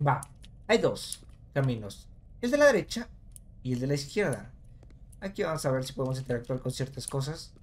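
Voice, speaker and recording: Male gamer, relaxed let's-play chatter, mid pitch, faint hiss behind. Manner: casual, talks to viewers while puzzling aloud. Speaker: gameplay commentator.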